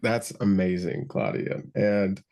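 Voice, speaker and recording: A man co-hosting a casual podcast interview, friendly and relaxed as he asks questions. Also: low-pitched, slow. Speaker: podcast co-host.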